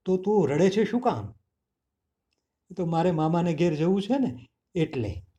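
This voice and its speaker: A man voicing a clever little male mouse child in a storybook reading, sounding excited and pleading. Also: high voice, measured pace, voice pushed up.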